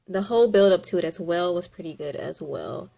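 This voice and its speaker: A woman's voice: lowish voice, a little fast, vocal fry, mellow. A woman hosting a casual top ten countdown, chatting informally and thinking aloud as she gives her commentary. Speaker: video host.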